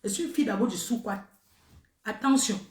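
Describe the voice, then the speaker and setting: A woman's voice: mid-range voice, expressive, a little fast, darkish tone, roomy sound. A middle-aged woman telling a story to her viewers in a casual, emphatic way, repeating phrases for effect. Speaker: social media personality.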